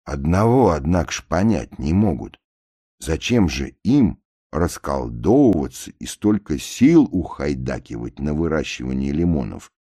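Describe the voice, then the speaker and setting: A man reading a satirical tale aloud, acting out the characters' cries and arguments with much higher voices. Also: husky, dry recording, clean studio sound. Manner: acts out the shouting passengers and officer with much higher voices. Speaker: narrator.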